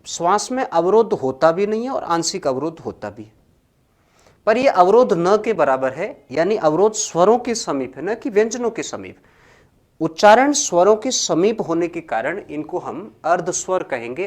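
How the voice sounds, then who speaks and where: A man teaching a grammar lesson, slowly dictating notes and repeating each phrase for students to copy, then explaining more loudly. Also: high-pitched. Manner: swings between loud explaining and quiet dictating.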